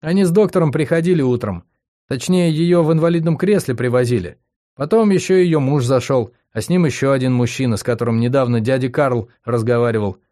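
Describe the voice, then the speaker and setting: A man's voice: medium pitch, fairly quick, mellow, voice pushed up, close to an everyday voice. A man reading an audiobook, voicing a cheerful but stubborn young woman patient in a raised, pleading voice. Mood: cheerful, chatty.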